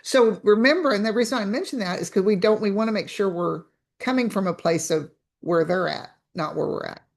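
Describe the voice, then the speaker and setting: A woman's voice: medium pitch, brisk, vocal fry, hardly any pauses, darkish tone. A woman coach teaching a live online training, chatty, asking rhetorical questions and restarting her phrases. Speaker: business coach.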